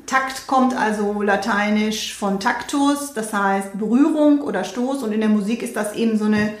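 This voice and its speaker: A woman's voice: medium pitch, normal speed. A woman hosting a casual conversation, guiding the topic and asking follow-up questions. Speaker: host. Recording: roomy echo.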